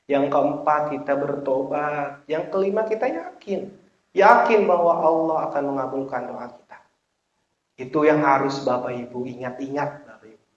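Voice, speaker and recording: A man's voice: on the high side, moderate pace. A man preaching a sermon to a congregation, speaking animatedly and acting out the prayers of worshippers. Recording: echoey, dull lo-fi recording.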